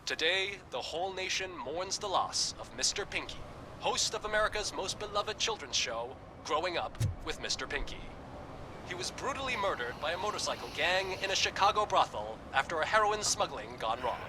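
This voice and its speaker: A man's voice: high voice, expressive, normal speed, background noise. A man playing a solemn TV news anchor, making a formal announcement in a video game.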